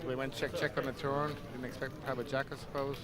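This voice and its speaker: A man's voice: medium pitch, flat delivery, quick pace. A man with an Irish accent from Meath with a Lithuanian touch, co-commentating on poker in a casual, colloquial, unscripted way. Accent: Irish, County Meath with a Lithuanian touch. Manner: colloquial, tags sentences with "like". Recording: live, loud crowd chatter behind.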